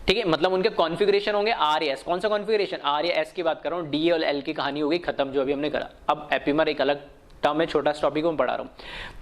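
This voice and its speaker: Man teaching chemistry, question-and-answer style. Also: on the high side. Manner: slow, dictated English definitions; asks questions then answers them. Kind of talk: online lecture.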